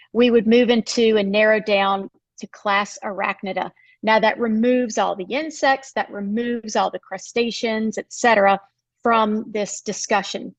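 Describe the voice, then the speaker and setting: A woman's voice: fairly high pitch, dry recording. A female biology professor, giving a recorded slide lecture in a conversational, explanatory way with frequent fillers. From United States.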